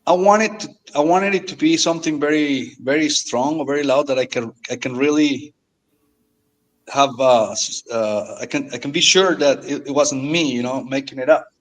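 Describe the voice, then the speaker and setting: Earnest man, halting speech. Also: mid-range voice, rough recording. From Mexico. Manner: halting, earnest, repeats words often. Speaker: guest. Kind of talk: casual storytelling.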